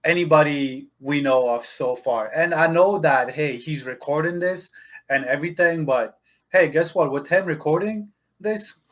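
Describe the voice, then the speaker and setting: A man's voice: fairly high pitch, normal speed. A man from Zimbabwe co-hosting a casual podcast, talking emphatically and addressing listeners directly. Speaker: podcast co-host.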